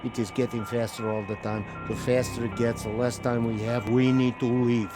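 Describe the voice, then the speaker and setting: An actor playing a stern Soviet agent who speaks clipped, halting English, with game music behind. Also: male voice, mid-range voice, little pitch movement, natural voice. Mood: grave. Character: stern Soviet agent man, urgent and blunt. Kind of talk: video game voice acting.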